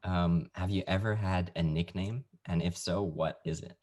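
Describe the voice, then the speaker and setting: A man hosting a casual interview over a video call, his voice pitched very low. His tone is easygoing and jokey as he leads the questions. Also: fairly even intonation, moderate pace, a little mellow. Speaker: podcast host.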